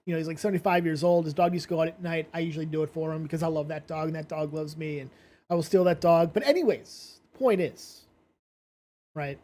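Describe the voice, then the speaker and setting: A man's voice: fairly high pitch, fast talker, mellow. A man hosting a casual commentary stream, rambling and blunt, swearing freely and sounding drowsy from medication. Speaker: commentary channel host.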